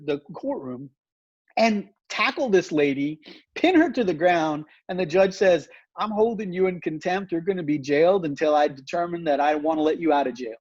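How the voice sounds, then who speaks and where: A man's voice: high voice, darkish tone, breathy edge, no echo, highs cut off. A man co-hosting a casual law podcast, telling a long courtroom anecdote full of "you know"s. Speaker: family law attorney, podcast co-host. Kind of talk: casual storytelling chat.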